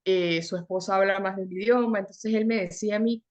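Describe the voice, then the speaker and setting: A young adult woman from Venezuela, interviewed as a guest, tells her story earnestly and with animation, often repeating words for emphasis. Her voice is medium-pitched and she talks a little fast in this conversational interview.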